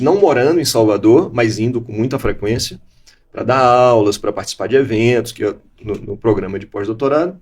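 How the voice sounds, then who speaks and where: This is a law professor from Bahia, Brazil, a man in his forties speaking as an interview guest about his career. His voice sits at medium pitch with a darkish tone, and his Brazilian Portuguese mixes Bahian and Gaúcho features. The conversation unfolds as reflective storytelling marked by frequent restarts.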